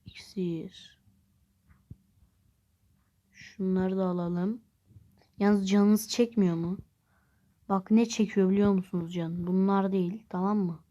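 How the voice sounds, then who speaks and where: A woman's voice: medium pitch, steady tone, unhurried, warm tone. A woman chatting through a mobile game, commenting casually and crying out when things go wrong. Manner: chatty, exclaims and groans at the game. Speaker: gameplay vlogger. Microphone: phone.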